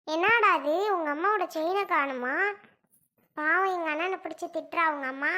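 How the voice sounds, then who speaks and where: A woman's voice: extremely high pitch, moderate pace, sharp tone. A woman acting a fretful scolding mother. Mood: worried. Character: worried mother in a family quarrel. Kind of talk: family comedy skit acting.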